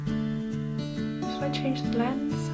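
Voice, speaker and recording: An eighteen-year-old Welsh student vlogger talks to a camera on a tripod in her bedroom, nervous and self-deprecating, often stopping and restarting. She has a Welsh accent and a high-pitched, level voice, speaking very slowly over loud music.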